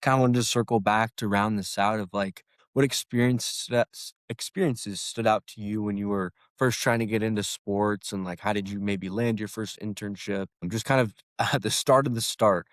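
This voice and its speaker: A man's voice: fairly low pitch, fairly even intonation, moderate pace, few pauses, no echo, studio quality. A young man hosting a podcast interview, talking casually and rambling with many restarts. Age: young adult. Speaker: podcast host.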